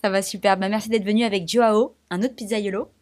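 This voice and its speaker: A woman's voice: mid-range voice, fairly even intonation, fast, a little mellow. A woman hosting a live studio interview, upbeat and chatty. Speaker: host.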